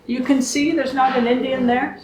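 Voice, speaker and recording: A Canadian woman in her seventies, speaking as a guest, tells anecdotes to a small live audience, chatty and often laughing as she acts out what people said. Her high voice is steady at a normal speed, in an echoey room with a noisy background.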